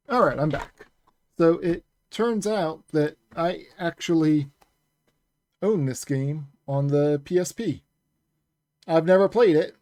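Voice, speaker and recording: A man's voice: fairly high pitch, darkish tone, dry recording. A man streaming a video game, chatting casually with viewers over a headset. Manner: chatty, talks to chat while playing. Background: game music.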